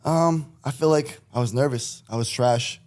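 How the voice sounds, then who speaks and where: A man's voice: mid-range voice, moderate pace, darkish tone. Laid-back young man, rambling. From Connecticut. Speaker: podcast guest, rapper. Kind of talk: casual chat.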